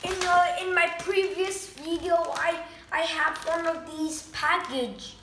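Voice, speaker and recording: Woman vlogger, high and bright, slow excitable delivery in an echoey room, slightly broken English. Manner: excited, exclaiming, talks to viewers as guys. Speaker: vlogger unboxing a toy. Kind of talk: casual unboxing vlog. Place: indoors at home. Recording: echoey room, faint noise.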